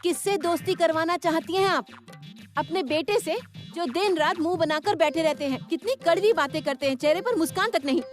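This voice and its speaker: A very high-voiced, sharp-tongued wife answers back with sarcasm and stern lectures. She stands her ground against her husband in a TV serial scene with light music behind her. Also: fairly quick. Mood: defiant. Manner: scolding, sarcastic. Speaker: wife of the household head.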